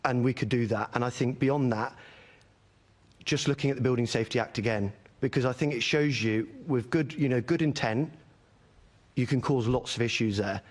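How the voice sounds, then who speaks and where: Guy giving evidence at a committee, earnest and pushy, keeps repeating words to make a point. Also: mid-range voice. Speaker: leaseholder campaigner giving evidence. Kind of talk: formal committee testimony.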